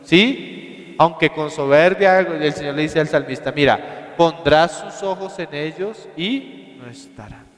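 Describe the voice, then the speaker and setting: Male preacher with a Colombian accent, high-pitched, reads verses slowly and drives points home with questions; church-hall reverb. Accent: Colombian Spanish. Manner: reads scripture slowly, then explains with emphasis; addresses listeners as brothers with rhetorical questions. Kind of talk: sermon.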